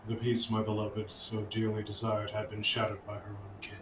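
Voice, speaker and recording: A low, solemn dragon voice, put on by a man, proud and embittered, reading out archaic game dialogue with little melodic swing. It sounds echoey, with clear noise around it. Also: completely flat delivery, moderate pace, lightly acted. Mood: scornful, grave. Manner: dragon voice, grave archaic pronouncements.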